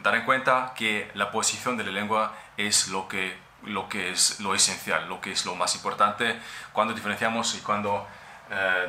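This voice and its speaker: A man from Austria, a German speaker with an Austrian German accent, gives a relaxed Spanish-language lesson on pronunciation and patiently repeats each sound many times. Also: lowish voice, reverberant, slight background noise. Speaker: German teacher.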